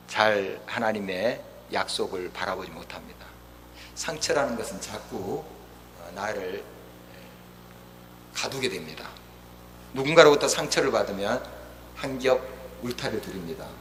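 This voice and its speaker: A male pastor preaching a sermon, passionately, rising to forceful exhortation and dropping to hushed pleading. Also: animated, unhurried, long pauses. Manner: impassioned, swinging between raised exhortation and hushed pleading. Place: church sanctuary. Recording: echoey hall with low hum.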